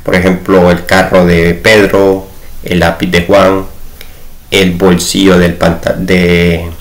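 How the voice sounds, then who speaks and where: A man explains grammar in a patient, steady way and slows down to repeat his examples. His voice is very low and gravelly. The room around him sounds echoey. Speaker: teacher. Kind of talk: spoken grammar lesson.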